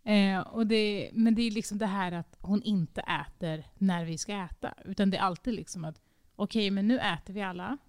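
Dry, even-voiced Swedish woman chatting. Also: medium pitch, no echo. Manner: animated storytelling, acts out her child's voice. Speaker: podcast host. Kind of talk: casual chat.

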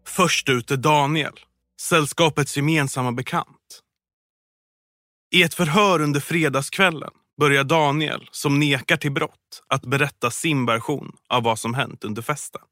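A man reading a scripted true-crime story in a calm, measured way as a podcast narrator. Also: on the high side, dry recording, clean studio sound. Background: music.

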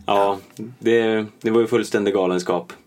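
Low-voiced man, dry wit. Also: fairly even intonation, a little mellow. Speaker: podcast co-host. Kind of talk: casual chat.

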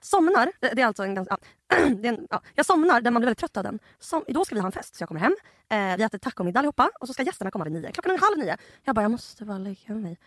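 A young woman co-hosting a podcast, telling stories in a rapid, animated way with many restarts. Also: fairly high pitch, no echo, studio quality. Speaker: podcast co-host. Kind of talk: casual chat.

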